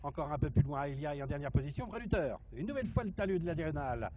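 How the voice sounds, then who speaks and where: Higher-voiced Frenchman calling a horse race, muffled sound. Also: big pitch swings. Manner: halting, listing runners in order. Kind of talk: live horse racing commentary. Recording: muffled, noisy racecourse commentary feed.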